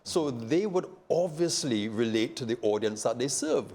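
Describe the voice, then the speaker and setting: A man's voice: medium pitch, lively intonation, normal speed, a little mellow. Laid-back guy on a panel, chuckles a lot, um and you know. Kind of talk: panel discussion.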